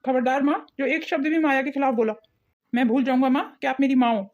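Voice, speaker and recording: A woman voicing an arrogant cartoon husband, high-pitched. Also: quick pace, darkish tone, a little hiss or hum, close to an everyday voice. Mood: defiant. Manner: defiant, contemptuous. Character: arrogant married man, defiant and dismissive. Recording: dull lo-fi audio.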